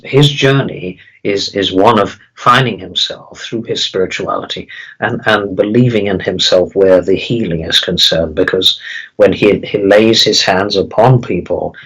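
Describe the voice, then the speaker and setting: A man speaking as a calm spirit guide in a seance medium's channeling session, teaching solemnly in halting, repeated phrases. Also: low voice, slightly rough, heavily acted, poor audio. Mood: solemn, assured. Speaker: trance channeler answering questions as a spirit guide.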